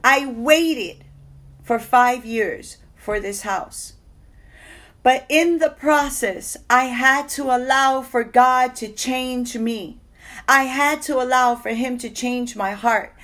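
A woman's voice: sits high, takes it slowly, a bit bright. A woman sharing a personal testimony in a sermon, telling the story earnestly and quoting others along the way.

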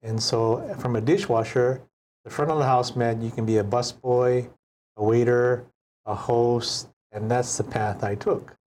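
A man in his sixties from Hawaii, a chef guest telling stories in an unhurried, reflective way in a studio interview. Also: mid-range voice, fairly even intonation, a little mellow, slight background noise. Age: 60s. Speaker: chef and restaurant owner guest. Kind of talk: casual interview storytelling.

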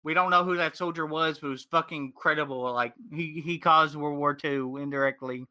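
A man's voice: fairly high pitch, fairly even intonation, a little fast, bright, forceful tone, clean tone. A young man in a casual chat, rambling and swearing offhandedly.

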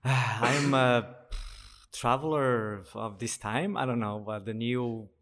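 A man's voice: medium pitch, steady tone, takes it slowly, a bit bright. A man speaking casually as a guest in a podcast interview. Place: big open lounge, indoors.

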